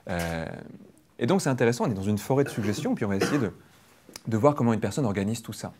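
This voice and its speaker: A man leading a public hypnosis demonstration, explaining quickly and playfully to a live audience. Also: fairly low pitch, expressive, noisy background. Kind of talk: lively teaching talk to a live audience. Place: training room with an audience.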